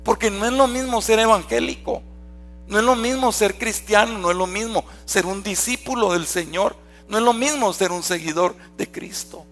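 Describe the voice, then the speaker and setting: A male pastor with a Guatemalan accent, preaching a sermon slowly and emphatically, often asking the congregation questions. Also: high voice, a bit bright, soft background music. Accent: Guatemalan Spanish.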